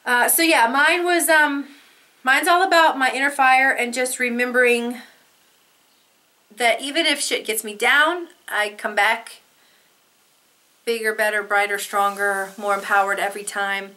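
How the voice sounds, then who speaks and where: A woman talks straight to her camera in a casual, earnest way, with the odd swear word. Her voice sits a little high and sounds bright and clear. By now it is going slightly hoarse. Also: steady tone, a little slow. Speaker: vlogger.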